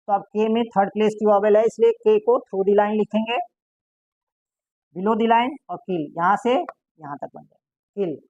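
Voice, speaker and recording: A woman teaches a classroom-style lesson at a middle pitch. She keeps asking her class questions and answering them herself. The recording is dry and close, with a dull, lo-fi tone. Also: a little mellow, dry recording. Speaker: shorthand teacher.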